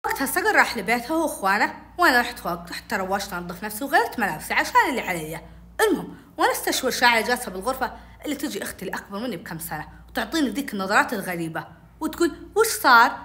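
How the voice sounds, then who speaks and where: A woman telling a childhood story in casual storytelling, animated and acting out each voice. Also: on the high side, rapid-fire. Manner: animated, acts out every voice.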